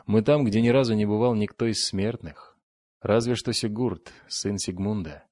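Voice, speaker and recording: A man's voice: fairly low pitch, normal speed, a little mellow, dry recording, studio quality, close to an everyday voice. A man voicing a grim ancient war god. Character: ancient gruff old male war god. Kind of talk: audiobook character voice.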